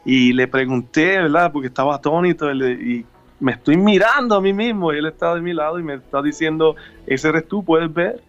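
A man in his thirties from Puerto Rico with a Puerto Rican Spanish accent, a gospel musician speaking haltingly with many fillers in a radio interview. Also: a little high, lo-fi sound, soft background music. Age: 30s. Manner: hesitant, many fillers and restarts.

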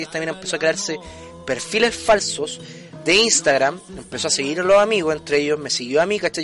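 A young man with a Chilean accent rattles through a story at a racing clip, his voice high and bright. He talks in thick street slang and acts out the voices in his anecdotes. Faint music sits underneath the chat. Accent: Chilean Spanish. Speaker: podcast co-host.

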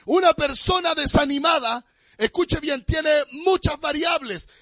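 A pastor, preaching a sermon with impassioned, often shouted, sung-out phrases. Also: male voice, extremely high pitch, measured pace, no room sound, studio quality. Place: church.

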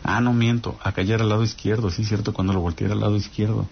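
A man with a Mexican accent races through an eerie story from his own life, his fairly low, gravelly voice keeping fairly even intonation. It's a casual ghost tale told directly to listeners, peppered with "¿no?" to make sure they're following. The audio is dull, with a bit of hiss or hum.

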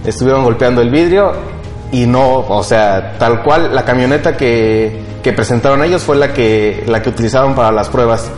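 A young man with a Mexican accent, explaining tech news as a co-host in a casual chat, hesitant and often pausing mid-phrase. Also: medium pitch. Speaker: podcast co-host. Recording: roomy echo, background music.

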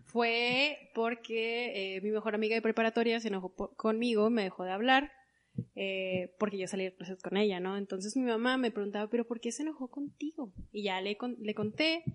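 Una mujer joven con acento mexicano cuenta de forma animada una historia personal en una entrevista e imita las voces de otras personas. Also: female voice, mid-range voice, normal speed. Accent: Mexican Spanish. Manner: animated, acts out quoted voices. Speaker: guest. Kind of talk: personal storytelling.

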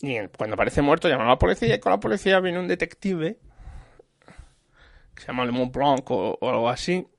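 A man's voice: a little high, lively intonation, a little fast, vocal fry, no echo, studio quality. Man rambling about a film. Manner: rambling, full of restarts and repeated words. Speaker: film reviewer in conversation. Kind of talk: casual chat.

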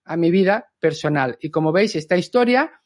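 High-voiced chatty man. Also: fairly quick. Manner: lively, chatty, acts out quotes. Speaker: communicator and trainer. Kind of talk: podcast storytelling talk.

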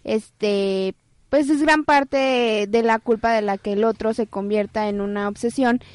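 A woman's voice: on the high side, a little slow, no echo. A woman explaining stages step by step in a casual chat.

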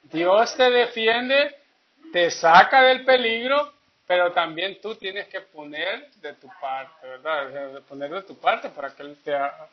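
Folksy preacher, high voice. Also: male voice, animated, a little slow. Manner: folksy, tells jokes, keeps asking "¿verdad?". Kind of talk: sermon. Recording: dull lo-fi recording.

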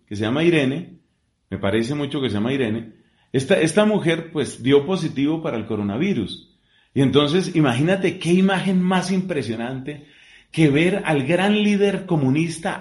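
A priest with a lively, preacherly way of speaking, answering questions in a talk. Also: male voice, mid-range voice, echoey room. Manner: animated, preacherly, lively emphasis.

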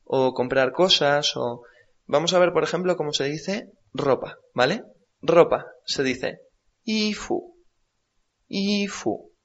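Male teacher, unhurried and patient, repeats words for drilling; muffled lo-fi sound. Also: fairly high pitch. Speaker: language teacher. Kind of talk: radio language lesson. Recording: dull lo-fi recording.

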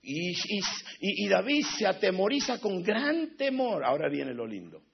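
A man preaching a sermon as pastor, moving between hushed, low passages and shouted climaxes. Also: big pitch swings, normal speed, creaky, husky, muffled recording.

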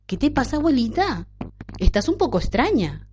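Woman doing Caperucita, a high little girl. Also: sing-song, normal speed, a little hiss or hum. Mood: innocent. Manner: bright, eager, childlike. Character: sweet little girl in a red cape. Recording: dull lo-fi recording.

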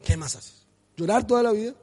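A man, a pastor preaching a sermon with animated storytelling. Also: sits high, a little fast, slightly rough. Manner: animated storytelling, acts out voices.

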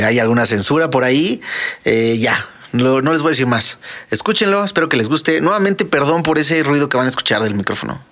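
Mexican male podcast host, young, casual and playful, fillers galore, middle pitch. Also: fairly bright tone. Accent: Mexican Spanish. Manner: joking, quick, many "eh" fillers.

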